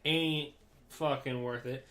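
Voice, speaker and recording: A man's voice: mid-range voice, steady tone, slow pace, a bit bright. A man telling stories in casual, sweary chat as a podcast co-host. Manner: frequent swearing.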